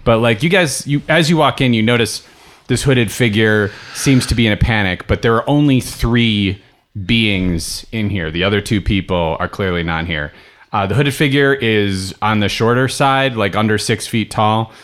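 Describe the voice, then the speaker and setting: Low-voiced man running a tabletop game. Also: normal speed, fairly bright tone. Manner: loose, rambling narration with many fillers. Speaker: game master.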